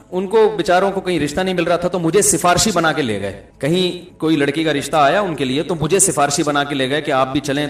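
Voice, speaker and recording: A middle-aged man preaches in a lively, joking storytelling manner. His voice sits fairly high. The sound carries a roomy echo. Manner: lively storytelling with humor, often chuckling. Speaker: Islamic preacher. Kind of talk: Urdu religious talk with anecdotes.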